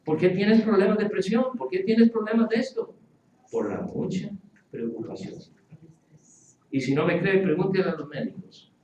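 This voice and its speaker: A man preaching a sermon in a church, playful and animated, acting out quoted voices as he teaches. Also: sits high, normal speed, reverberant, recorded from a distance, lo-fi sound, slight background noise. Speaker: pastor. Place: church hall with congregation.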